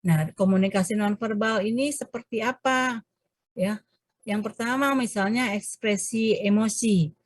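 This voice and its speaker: A woman's voice: unhurried, dry recording. Woman lecturing over a video call. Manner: explanatory, frequent hesitations and self-corrections; animated, shifts pitch to demonstrate examples. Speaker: university lecturer. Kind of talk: online class lecture.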